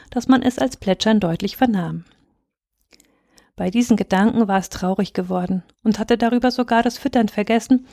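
A woman reading a fairy tale aloud in calm, measured scripted narration. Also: on the high side, no echo, clean studio sound. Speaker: reader.

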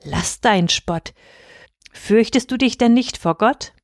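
A woman's voice: on the high side, slow, no echo, clean studio sound. A woman voicing a poor, god-fearing old male shepherd who speaks in stern, admonishing rhyming verse.

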